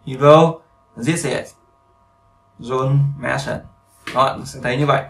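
A man's voice: medium pitch, fairly even intonation, moderate pace, creaky, fairly bright tone, roomy sound, distant mic, faint music behind. A male English teacher explaining grammar to beginners, repeating himself and often checking in with his listeners.

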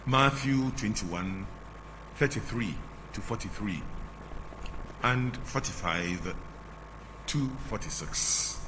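A middle-aged man with a Ghanaian English accent, a canon reading the gospel and preaching, in measured phrases that fall at the ends, through a lectern microphone at a church altar. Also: fairly low pitch, expressive. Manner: measured, drawn-out phrasing with falling line endings. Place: large church sanctuary at the altar. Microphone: lectern microphone, face mask on. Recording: long church reverb, faint hum.

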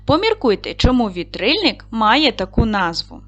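A woman's voice: on the high side, big pitch swings, moderate pace, dull audio. A woman teacher giving a recorded lesson to second graders, patient and encouraging as she praises and guides the children. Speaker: primary school teacher.

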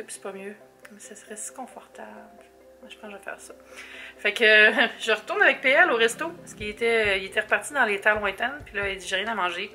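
Young woman, Québécois accent, bright and sharp voice, chatty and rambling, laughing often, vlogging at home. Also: medium pitch. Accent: Québécois French. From Quebec. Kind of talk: casual vlog chat. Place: her apartment, indoors.

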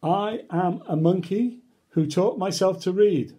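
A man voicing a silly, absurd robot monkey from a children's storybook, in a deliberate, goofy manner. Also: high voice, dark tone, slightly rough. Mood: silly, declaring.

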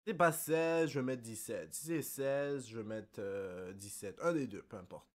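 A young man with a Québécois French accent giving casual reaction commentary, excitable and apologetic, blurting out English exclamations. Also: mid-range voice, normal speed. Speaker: anime reaction YouTuber.

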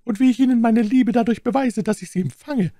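A man voicing a cold, scheming young noblewoman in a cutting, mocking high falsetto for a read-aloud novel. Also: fairly quick, warm tone, no echo, studio quality. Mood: coaxing, mocking.

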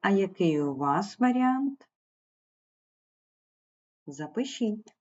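A woman's voice: medium pitch, sing-song, extremely slow, darkish tone, dull audio, a little hiss or hum. A woman teacher giving a primary school language lesson, patiently spelling out sounds and syllables. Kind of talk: slow explanatory online lesson.

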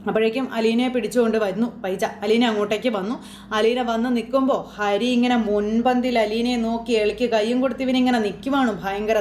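A woman recaps a TV serial in loose, colloquial storytelling, tossing in sarcastic asides about the characters. Her voice sits fairly high for a woman. It rings in an echoey room, with faint noise underneath. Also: darkish tone. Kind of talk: casual retelling of a TV serial episode.

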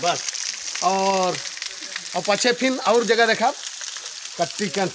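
A man's voice: sits high, takes it slowly, noisy background. A young man talking enthusiastically about the scenery at a waterfall while a friend films him on a phone outdoors. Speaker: friend on the hike. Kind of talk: casual outdoor chat.

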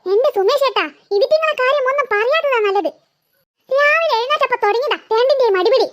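A woman's voice: extremely high pitch, animated, fast talker, fairly bright tone. A woman voicing a harried cartoon mother who scolds her bickering daughters. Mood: scolding. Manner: scolding, exasperated, sighing.

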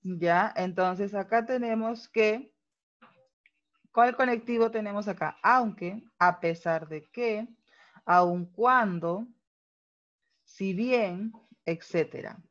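A Peruvian woman teaching a class over a video call, taking her time and stopping often to check that students follow. Her voice sits at a middle pitch, and the computer mic makes the audio dull and lo-fi. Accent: Peruvian Spanish. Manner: explains slowly, checks in with frequent tag questions. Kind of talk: online class lecture.

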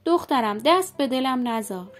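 A woman's voice: high voice, lively intonation, soft background music. A woman voicing a poor old man in a folk tale, a father who speaks sadly and pleadingly. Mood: sorrowful. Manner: sad, pleading. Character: poor, sorrowful old thorn-gatherer father.

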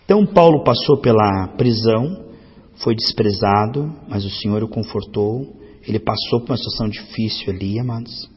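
A man's voice: lowish voice, animated, normal speed. A man with a Brazilian Portuguese accent preaching a sermon as pastor, building to emphatic swells and acting out quoted voices. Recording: long reverb, dull lo-fi sound.

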